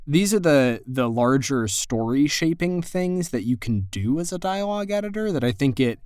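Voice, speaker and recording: Fairly high and a little mellow, this man's expressive voice moves at normal speed in a dry, clean studio recording. A dialogue and script editor being interviewed on a behind-the-scenes podcast, he chats good-humouredly about audio editing work, explaining things and often chuckling.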